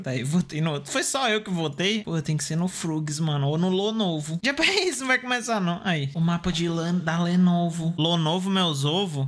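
A man's voice: fairly high pitch, fairly bright tone. A young Brazilian man talking through his gameplay, chatty, swearing freely and laughing at himself. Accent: Brazilian Portuguese. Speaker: gaming streamer. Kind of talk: casual gameplay commentary.

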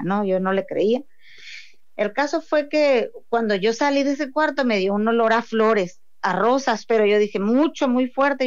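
A woman's voice: medium pitch, smooth, lo-fi sound. A woman with a Mexican accent giving a heartfelt personal faith testimony, often restarting her sentences. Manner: heartfelt storytelling with frequent restarts.

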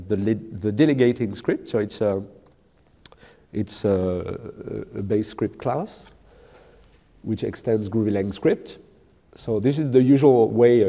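Guy giving a tech keynote, lots of uhs and restarts, low gravelly voice, big echoey hall. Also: warm tone. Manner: halting, many fillers and restarts. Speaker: conference keynote speaker. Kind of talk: technical conference talk. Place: large lecture hall with audience.

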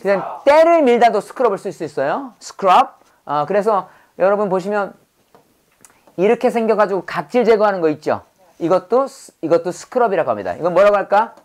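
Lively woman drilling English vocabulary. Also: medium pitch, fairly quick. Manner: lively, drills learners with call-and-repeat prompts. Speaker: English teacher.

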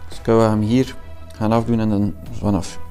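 Guy in his 30s working on a motorbike, talks low and easy, lots of ehs, quiet music in the background. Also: brisk. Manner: relaxed, hesitant, many fillers. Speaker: motorcycle builder. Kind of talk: explaining while working. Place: indoor motorcycle workshop.

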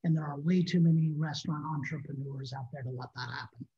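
A restaurant industry consultant in his fifties speaks emphatically as a panelist on a video call from his living room. His voice is on the high side with fairly even intonation and a quick pace. The computer mic gives dull, echoey audio.

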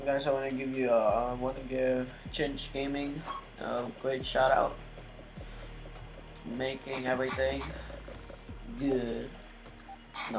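A man's voice: medium pitch, poor audio. A young man hosting his gaming channel, giving casual gameplay commentary with joking, muttered asides to himself.

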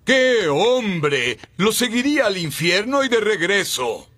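A man's voice: sits high, big pitch swings, slow pace, over loud music, exaggerated voice. A man playing a brash young buddy in dubbed film dialogue. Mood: admiring.

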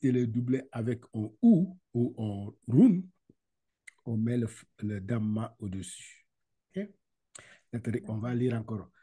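A man's voice: medium pitch, measured pace, mellow, husky. A man teaching how to read the Quran over a video call. He talks casually, laughs often, repeats syllables and slips into English. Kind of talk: casual online lesson.

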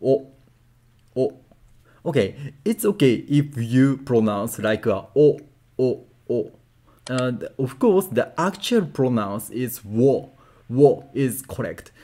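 A man with a Japanese accent and a warm, animated mid-range voice leads a casual language lesson. He drills syllables by repeating them slowly and says "okay" frequently.

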